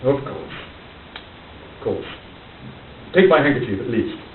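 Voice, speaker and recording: A man acting in a radio drama as a concerned, incredulous gentleman doctor and loyal friend, polite and solicitous, given to exclaiming. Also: mid-range voice, very animated, a little slow. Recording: tinny band-limited, roomy, distant, faint hiss.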